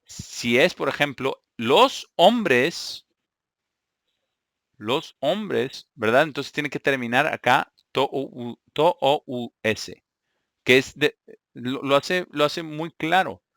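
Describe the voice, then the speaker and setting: A man preaching a teaching sermon, halting and repeating words, often checking in with his listeners. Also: medium pitch, fairly bright tone, no echo, studio quality. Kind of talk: sermon teaching Greek grammar.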